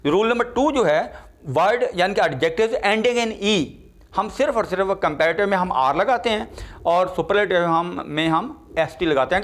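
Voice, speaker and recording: An older man gives a grammar lecture in a high voice. He drills each word form slowly and repeats it again and again, like a patient classroom teacher. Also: a bit bright. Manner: slow, repetitive drilling of word forms. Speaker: English teacher.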